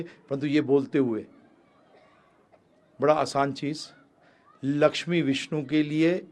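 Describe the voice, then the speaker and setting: Man preaching with loud emphatic peaks. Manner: swings between loud emphatic peaks and low quick asides; addresses listeners as prabhu ji. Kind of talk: Gita discourse.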